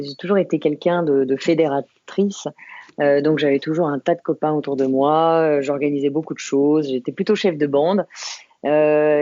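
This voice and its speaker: A reflective woman of about fifty from the Paris suburbs speaks as a podcast guest, unhurried and full of pauses. Her voice is mellow and dry, and the audio sounds a little dull and lo-fi. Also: sits low, dry recording. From Paris suburbs, France. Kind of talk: podcast interview conversation.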